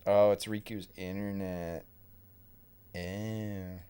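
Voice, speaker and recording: A man's voice: sits low, little pitch movement, takes it slowly, mellow, clear, resonant tone. A man hosting a game livestream, chatting casually and joking with viewers and friends. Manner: laid-back, joking, chatty. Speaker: streamer.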